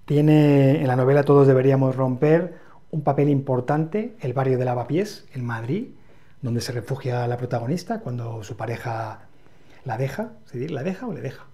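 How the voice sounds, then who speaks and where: A man with a Spain Spanish accent co-hosting a book channel, summarizing novels in a measured, explanatory way. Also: medium pitch, animated, mellow. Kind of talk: book review chat.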